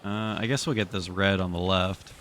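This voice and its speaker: While gaming on a live stream, a man talks casually with viewers in a relaxed, slangy way, with plenty of swearing and a slightly congested sound. His deep voice has a fairly bright tone and fairly even intonation at normal speed, and a little hiss or hum can be heard.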